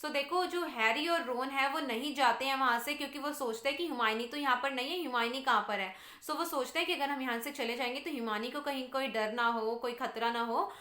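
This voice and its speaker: A woman teacher reads summary lines slowly, then explains them in Hindi. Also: high voice, bright, forceful tone, roomy sound. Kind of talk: literature lesson explaining a novel.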